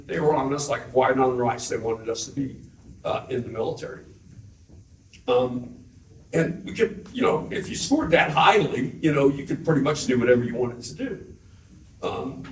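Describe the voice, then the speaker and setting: Older guy swapping family stories, lively, laughs a lot, mic a bit far off in an echoey room. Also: mid-range voice, a little hiss or hum. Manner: animated storyteller, acts out quotes with a laugh. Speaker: interviewee remembering his brother. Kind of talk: casual storytelling.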